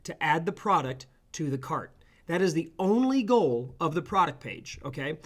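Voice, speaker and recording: A man walking viewers through a screen-share tutorial as an ecommerce consultant, energetic and chatty, checking in with "okay?" and "right?" after each point. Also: a little high, normal speed.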